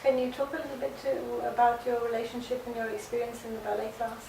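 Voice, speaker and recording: A woman with a slightly high voice asks short interview questions, often stumbling and restarting. She sounds far from the mic in a reverberant indoor space. Faint background noise sits underneath. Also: level tone, creaky, mellow. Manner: hesitant, halting questions. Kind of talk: conversational interview. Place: indoor art venue.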